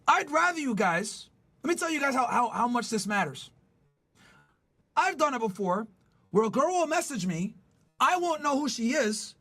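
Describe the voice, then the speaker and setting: A man's voice: extremely high pitch, pushed and bright. A man hosting a podcast, giving blunt, profane dating advice in an emphatic lecturing manner. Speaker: podcast host.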